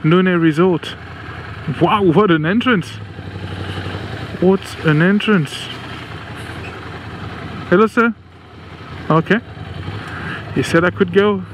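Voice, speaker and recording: Out on his motorbike and at an event ground, a French travel vlogger with a high voice speaks slowly with long pauses, offering eager, exclamatory commentary and talking with passers-by. His accent is French, and a little hiss or hum sits under the audio.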